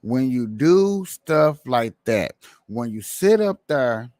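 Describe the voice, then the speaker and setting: A man's voice: mid-range voice, sing-song, slow, darkish tone, no echo. Opinionated man livestreaming, dry close sound. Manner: opinionated, colloquial, repeats phrases for emphasis. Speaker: livestream host. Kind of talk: casual political commentary to viewers.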